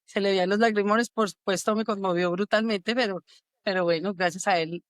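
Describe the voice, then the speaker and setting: A middle-aged woman with a Colombian accent from Quindío tells her army stories in a warm, animated way, acting out the voices of other people as she goes. Her pitch sits in a middle range. The recording is close and dry, with no room sound. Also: brisk, no room sound. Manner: animated, acts out quotes, sings la la. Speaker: army sergeant major, guest. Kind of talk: casual storytelling interview.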